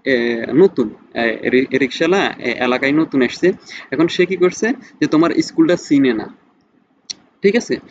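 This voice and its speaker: A young man teaching programming in a casual tutorial, pausing often and checking in with rhetorical questions. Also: mid-range voice. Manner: many hesitations, rhetorical questions, repeated "thik ache?". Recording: slightly dull sound with faint noise.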